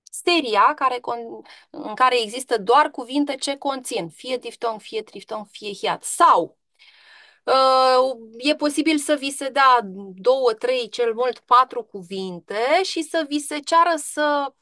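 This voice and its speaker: A woman teacher leads an online grammar lesson, patiently asking pupils questions and stretching out example words. Her voice is bright and slightly high. The sound is dry and close, with no room around it. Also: no room sound.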